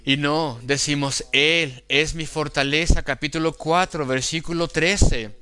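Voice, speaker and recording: Smooth-voiced male preacher, slow and deliberate. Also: fairly high pitch, steady tone, pushed and bright, dry recording. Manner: quotes scripture and voices inner temptations. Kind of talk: sermon.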